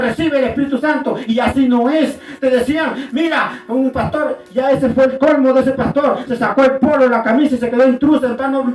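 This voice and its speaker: A woman preaching a fiery sermon, impassioned and rising to shouts, with frequent hesitations. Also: sits high. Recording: echoey room, far from the mic, faint music.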